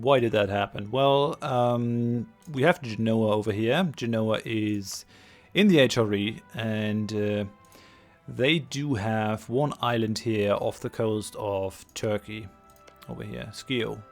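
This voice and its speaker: A man's voice: fairly low pitch, slow, soft background music. A man with a congested, stuffy-nosed voice from a cold, giving let's play commentary as host, hesitant and repeating phrases for emphasis. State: has a cold. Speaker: gaming channel host.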